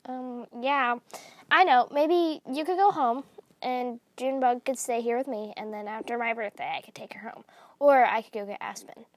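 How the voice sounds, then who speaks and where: A woman's voice: fairly high pitch, moderate pace, no echo, close to an everyday voice. A woman voicing a young female dragon who talks in an offhand, teasing way. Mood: breezy.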